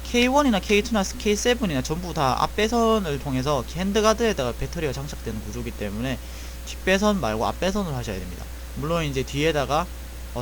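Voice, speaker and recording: A man with a fairly high voice, recorded at low quality with a little hiss or hum, leads a screen-recorded walkthrough on buying airsoft gearbox parts. This airsoft repair tutor speaks casually, step by step, frequently stopping to correct himself mid-sentence.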